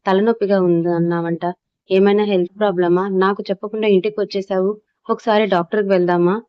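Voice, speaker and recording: A stern, serious young husband from a spoken storybook drama, read out by a woman narrator. The voice stays flat and even. The recording sounds dull and close. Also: medium pitch, fairly quick, clean tone, dry recording, close to an everyday voice. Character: young husband, worried then angry.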